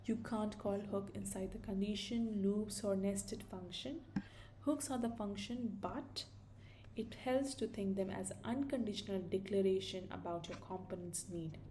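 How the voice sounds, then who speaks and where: With a warm, medium-pitched voice at a measured pace, a young Indian woman with an Indian accent talks through a screen-recorded coding tutorial. She thinks aloud casually, with fillers and self-corrections, and slight background noise is audible.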